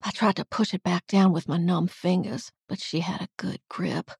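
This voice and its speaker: Brief: expressive audiobook narrator, a woman with a low, husky voice, dry close recording. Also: normal speed, no room sound. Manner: expressive, dramatic reading. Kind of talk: first-person audiobook narration.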